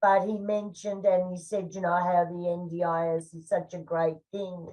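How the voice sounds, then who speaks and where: An Australian woman co-hosting a casual budget chat, giving her opinions in a measured way with many fillers. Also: fairly low pitch, flat delivery, warm tone, recorded from a distance, low-quality recording. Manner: measured, opinionated, frequent "you know" and "um". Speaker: co-host. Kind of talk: casual discussion of the federal budget.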